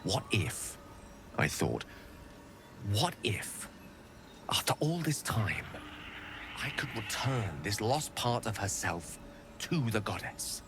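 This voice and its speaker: An actor playing a learned, earnest wizard in a fantasy video game, speaking in florid, measured, dramatic phrases. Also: male voice, on the low side, very animated, background noise, exaggerated voice. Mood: wistful, confessional. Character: learned male wizard, eloquent, theatrical, earnestly remorseful.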